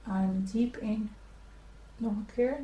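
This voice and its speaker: A woman leading a guided spiritual meditation, giving gentle, soothing instructions to breathe and relax. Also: fairly high pitch, steady tone, slow. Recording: echoey room, from a distance.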